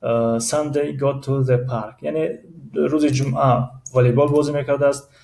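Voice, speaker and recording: A Tajik-accented male teacher walks through an English grammar lesson at an unhurried pace. His voice is mellow and dark with a gravelly edge, and he slows right down to spell out each English example, pausing with many hesitation sounds. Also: medium pitch, steady tone.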